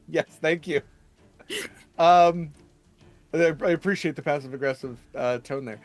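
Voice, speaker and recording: Halting male game master, conversational delivery. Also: on the high side, dry recording, faint music behind. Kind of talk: improvised narration of a tabletop game.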